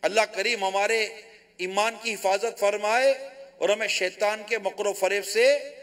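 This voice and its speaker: A Pakistani man, a religious scholar, telling a moral story in a sermon and acting out the dialogue. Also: sits high. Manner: animated storytelling with quoted dialogue.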